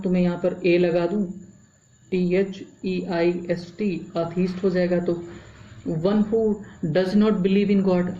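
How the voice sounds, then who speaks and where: A man's voice: high voice, warm tone. A male English teacher gives a classroom-style explanation in Hindi, spelling words out letter by letter, mixing in English terms and asking rhetorical checks. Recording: roomy, dull lo-fi sound with faint hiss.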